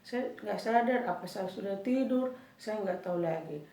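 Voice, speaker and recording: A woman's voice: animated, moderate pace. A woman in her fifties giving a church testimony, telling her story to the congregation and calling them brothers and sisters. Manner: addresses listeners as brothers and sisters, grows loud and high when reliving fear. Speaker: testimony speaker. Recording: echoey room, voice from far off, faint noise.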